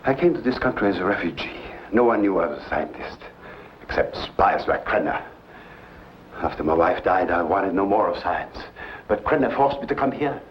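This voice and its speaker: An actor playing a sorrowful, resigned refugee scientist with a formal, grave manner in a vintage B-movie. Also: male voice, low voice, animated, normal speed. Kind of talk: vintage B-movie film acting. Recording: muffled old film soundtrack, noisy.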